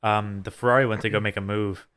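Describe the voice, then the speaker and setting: A man working as a race engineer, chatting through a post-race debrief in a halting, think-aloud way. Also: fairly low pitch, little pitch movement, a bit bright.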